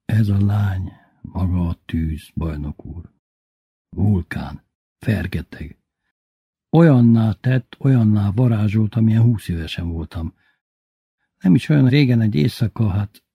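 A man's voice: fairly low pitch, dark tone, breathy edge, no echo, clean studio sound. A man voicing a boisterous, drunk older man who swears crudely and makes pompous toasts. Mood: boastful.

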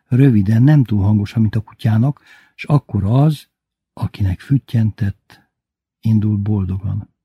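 A man reading a first-person story aloud in measured, unhurried narration. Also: lowish voice, warm tone, breathy edge, no room sound, clean studio sound. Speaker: audiobook reader.

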